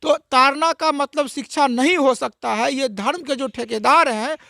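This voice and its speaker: An interviewer lays out long, probing questions, pausing now and then to find the words. The voice is high-pitched, and the recording is close and dry. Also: creaky, pushed and bright, no echo. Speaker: interviewer, news reporter.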